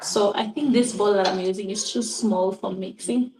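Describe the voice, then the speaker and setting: A woman's voice: medium pitch, fairly even intonation, normal speed, distant mic, background noise. A woman giving a casual cooking demonstration in her home kitchen, chatting to her viewers and often calling them guys. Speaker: cooking vlogger. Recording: echoey kitchen, voice off-mic.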